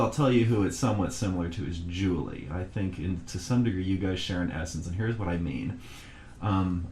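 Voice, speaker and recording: A man interviewing a family member in a casual conversation, reminiscing and gently prompting with questions. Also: sits low. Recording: roomy recording with faint noise.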